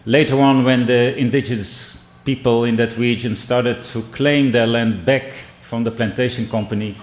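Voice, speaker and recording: Middle-aged dutch guy with a brazilian edge to his english, keynote talk in an echoey hall, pauses and restarts a lot. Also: medium pitch, fairly even intonation. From Netherlands. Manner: measured, with frequent restarts and pauses. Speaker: keynote speaker. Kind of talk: keynote speech with storytelling. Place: indoor conference hall.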